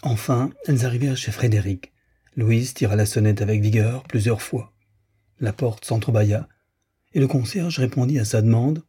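A man reading a classic novel aloud as an audiobook narrator, in a measured, even manner. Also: mid-range voice, husky. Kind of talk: scripted literary narration.

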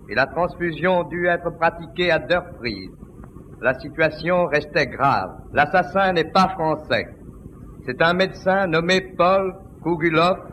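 A man's voice: fairly high pitch, a bit bright, lo-fi sound. A man delivering formal, declamatory commentary in the style of an old 1930s French newsreel. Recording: noisy archive newsreel soundtrack.

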